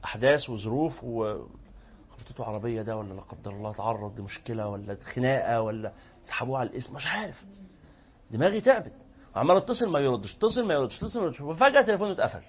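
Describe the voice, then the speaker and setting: A man's voice: mid-range voice, racing, lo-fi sound, slight background noise. A man with an Egyptian accent teaching a religious lesson to a class, telling stories and acting out both sides of the dialogue. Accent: Egyptian Arabic. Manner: lively storytelling that acts out both sides of quoted dialogue. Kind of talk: lecture to a live class.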